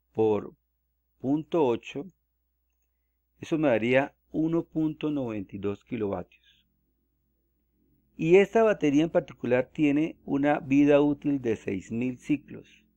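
A man explains figures step by step in an even, methodical way, sounding like a tutorial narrated over a screen recording. His voice sits at a middle pitch, and the sound is dull and dry, with little room echo. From Colombia. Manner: methodical, walks through calculations step by step. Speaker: solar energy explainer.

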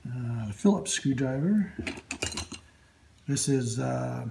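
A man hosting a workshop video, casually showing his tools in a slow, halting way with lots of ums and uhs. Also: medium pitch, lively intonation, vocal fry, slight background noise. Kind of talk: casual show-and-tell of tools. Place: indoor workshop at a metal bench. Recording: loud clatter of metal tools.

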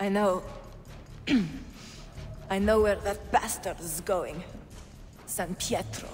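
A woman voicing a betrayed, vengeful noblewoman in a historical video game, speaking slowly and grimly. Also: mid-range voice. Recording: game audio with long reverb over music.

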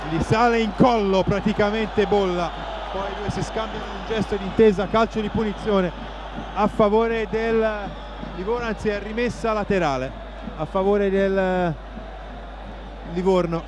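Male play-by-play football commentator, high voice, working over a clearly audible crowd. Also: steady tone, a little slow. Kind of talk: live football match commentary. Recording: noisy stadium broadcast with crowd. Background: stadium crowd noise.

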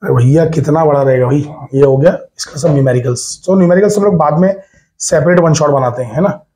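A man's voice: on the high side, a little fast, dark tone. Chatty Indian male physics teacher. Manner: chatty, repeats phrases, mixes English terms into Hindi, teasing. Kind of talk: recorded exam-prep lecture.

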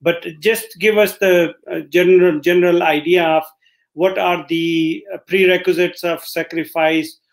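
A man hosting an interview, asking polite questions with hesitant "uh" pauses. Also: high-pitched, steady tone. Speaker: interviewer host.

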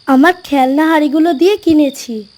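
A woman's voice: high voice, a little fast, a little mellow, voice pushed up, natural voice. Woman doing a sweet little girl. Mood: eager. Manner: childlike, eager, simple. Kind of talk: storybook cartoon voice acting.

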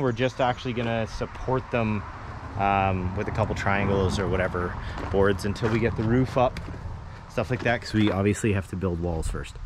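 A man's voice: mid-range voice, noisy background. A man in his thirties chatting casually about building plans, filmed on an action camera held at arm's length outside. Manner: chatty, explains plans while working. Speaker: vlogger building a house. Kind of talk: casual vlog narration. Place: outdoor building site in woods.

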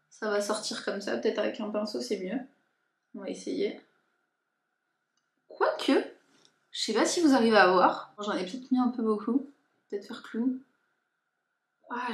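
A young woman chatting casually in a haul and unboxing vlog, informally and hesitantly, thinking aloud as she goes. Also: medium pitch. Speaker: lifestyle and beauty vlogger. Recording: echoey room.

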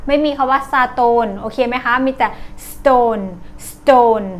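A woman teaching English words to children, with a Thai accent, saying each word slowly over and over. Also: on the high side, fairly even intonation. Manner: slow, drawn-out repetition of each word. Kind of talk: vocabulary lesson for children.

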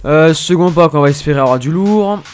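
Excitable man doing gaming commentary. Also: fairly high pitch, brisk. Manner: excitable, self-mocking, stammers and laughs often. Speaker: gaming YouTuber. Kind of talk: casual pack-opening commentary.

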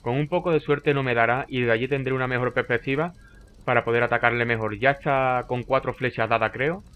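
A man talks through his own gameplay as it happens, at a mid pitch. He gets excitable and fires off the same short phrases again and again when things turn tense. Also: a little fast, clear, resonant tone. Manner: excitable, frequently repeating short phrases under pressure. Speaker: gameplay commentator. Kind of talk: live gameplay commentary.

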